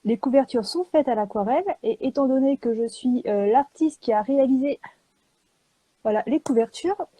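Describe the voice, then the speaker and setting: A woman's voice: high-pitched, normal speed, no echo, low-quality recording. Bubbly woman on a dry webcam. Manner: lively and joking, with many fillers. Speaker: publisher and illustrator. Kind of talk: live video chat.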